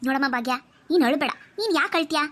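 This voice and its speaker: Woman doing a scheming mother-in-law, older, low bossy voice, conniving, fast and bright, cartoon. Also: lively intonation. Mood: soothing. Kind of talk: Kannada cartoon voice acting.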